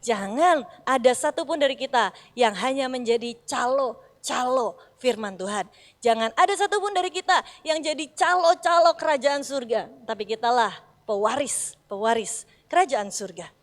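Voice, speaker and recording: In a sermon built around storytelling, a middle-aged Bandung pastor with Sundanese-accented Indonesian speaks at a normal speed in a voice that sits high. She is an animated storyteller who acts out conversations, addressing the congregation in the large church hall as "saudara."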